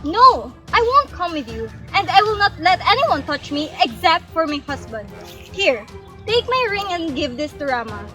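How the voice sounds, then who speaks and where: A woman voicing a gentle, devoted young princess in an amateur short film. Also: very high voice, sing-song, moderate pace, soft background music, heavily acted. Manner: pleading, gentle.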